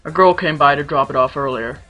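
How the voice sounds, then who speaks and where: A woman's voice: deep voice, fairly quick, highs cut off, soft background music. A woman voicing a sarcastic young barmaid in a fan audio drama. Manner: sarcastic, dry.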